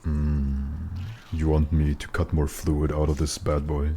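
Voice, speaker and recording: A man with a very deep voice chatting casually with his stream viewers while gaming, in a joking, mock-serious way. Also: completely flat delivery, unhurried, mellow, slight background noise. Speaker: live game streamer.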